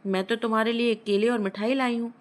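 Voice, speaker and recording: A woman voicing a caring aunt in a story reading, asking questions and gently pleading for a child. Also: fairly high pitch, fairly even intonation, a little fast, lightly acted. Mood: concerned.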